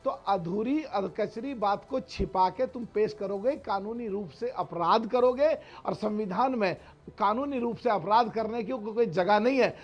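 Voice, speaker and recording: A man's voice: sits high, a little slow, lo-fi sound, soft background music. A man arguing insistently as a panelist in a heated TV debate, repeating words for emphasis. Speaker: political panelist.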